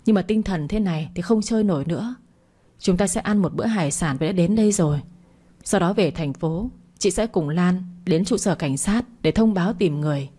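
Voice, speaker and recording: A woman voicing a steady older colleague who calmly reassures and makes plans. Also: fairly low pitch, fairly quick, husky. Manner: reassuring, practical.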